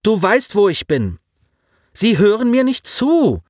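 A man's voice: high-pitched, wildly swooping pitch, slow, a little mellow, no room sound, studio quality, pitched above the performer's own voice, heavily acted. A man voicing a nervous teenage boy who asks fretful, anxious questions.

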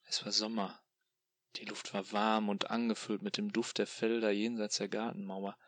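A man giving a dramatic first-person audiobook narration in a hushed, despairing, intense way. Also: fairly low pitch, flat delivery, moderate pace, no echo.

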